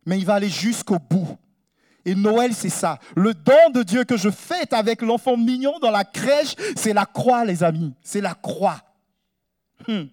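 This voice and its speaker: A man preaching a sermon, asking his congregation questions and repeating refrains. He drops to hushed low phrases, then lifts into raised, almost sung lines. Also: animated, unhurried.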